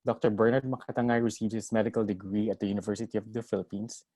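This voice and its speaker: A man speaks over a video call, his voice low-pitched and darkly mellow. He moderates a medical webinar and reads out the panelists' backgrounds in a formal, measured way. The sound is dry and close, with no room around it. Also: flat delivery, no echo. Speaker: webinar moderator and family physician.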